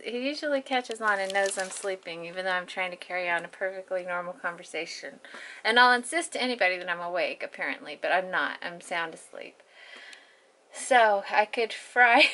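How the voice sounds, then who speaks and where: A woman's voice: mid-range voice, bright, forceful tone. A woman vlogger chatting casually in a folksy, self-deprecating way in a home kitchen, speaking from behind a handheld camera. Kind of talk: casual chat.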